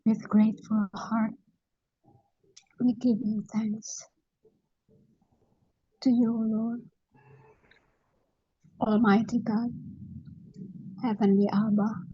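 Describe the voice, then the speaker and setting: A woman praying in a slow, reverent, hushed manner over a video call. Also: a little high, flat delivery, husky, dry recording. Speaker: prayer participant. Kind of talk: spoken prayer. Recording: dull, dry video call audio.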